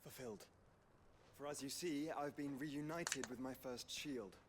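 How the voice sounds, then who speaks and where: A man playing a composed young nobleman in a video game, formal, measured and quietly commanding. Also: mid-range voice, noisy background, natural voice.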